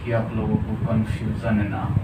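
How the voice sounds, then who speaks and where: A man's voice: lowish voice, completely flat delivery, moderate pace. A male teacher giving a classroom grammar lecture, drilling the students with repeated questions and coaxing them to answer. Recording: echoey room, far from mic, noisy.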